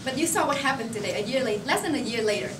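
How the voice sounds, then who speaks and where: A woman's voice: on the high side, animated, fast. A young woman giving a motivational speech to her colleagues. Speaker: company employee addressing colleagues. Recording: roomy, noisy recording from far off.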